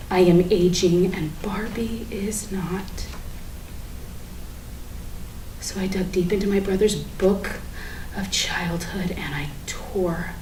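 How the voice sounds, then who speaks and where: With a lowish, lightly acted voice, a woman delivers a hushed, conspiratorial monologue as a bitter, manic woman admitting her war on a Barbie doll. The staged reading in an indoor room is theatrical, emphatic, repetitive and sardonic, swinging from hushed to ranting, and the echoey room carries background hiss.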